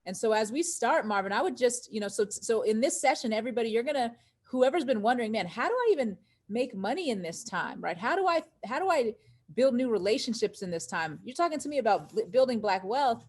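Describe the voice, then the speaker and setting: An upbeat woman hosts a live-stream interview, her voice sitting a little high. She speaks directly to her viewers, and the audio comes through a video call. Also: animated, fairly quick, darkish tone. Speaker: host.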